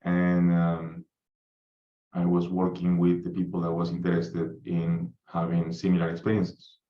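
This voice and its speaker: Low monotone guy in his 50s, slow halting story, echoey dull call audio. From Peru. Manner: unhurried, halting, frequent ums and uhs. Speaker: podcast guest. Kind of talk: reflective personal account. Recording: roomy, dull lo-fi remote audio.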